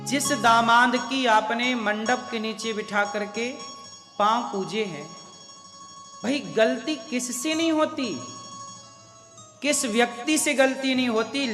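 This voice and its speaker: High-voiced man preaching in an echoey hall. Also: fairly bright tone. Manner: emphatic, questions the audience. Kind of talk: devotional sermon. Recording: echoey hall with long reverb.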